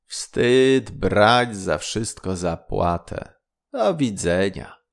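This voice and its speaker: A poor young fisherman from a fairy tale speaks in a hearty, carefree voice, done by a man. His voice is low and gravelly, and he speaks slowly, with loud, lively swings. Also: exaggerated voice. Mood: amused.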